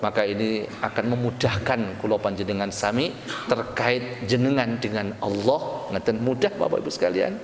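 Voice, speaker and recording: A man with a Javanese accent preaching a sermon, asking the congregation questions and stretching out Arabic phrases slowly. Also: fairly low pitch, slight background noise. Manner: call-and-response questions to the congregation; drawn-out slow Arabic phrases. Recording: echoey hall.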